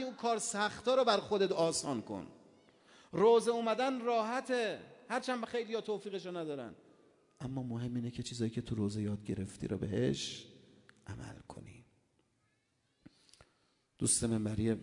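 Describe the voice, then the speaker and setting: Impassioned high-voiced male preacher. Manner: impassioned, swings between hushed and loud. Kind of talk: sermon. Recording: long hall reverb.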